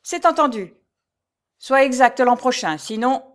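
A brutal, pompous little steward who barks his orders loud and high, as a woman reads him. His voice is forceful and sharp, and every sentence sounds like an order. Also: expressive, a little slow. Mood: haughty. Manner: loud, barking, peremptory. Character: short, blustering male steward, harsh. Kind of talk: storybook reading.

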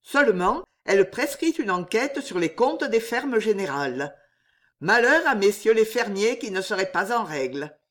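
A woman voicing a small, scheming nobleman in a storybook reading, mocking and menacing, with a low growl. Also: very animated, normal speed, a bit bright. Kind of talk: audiobook character reading.

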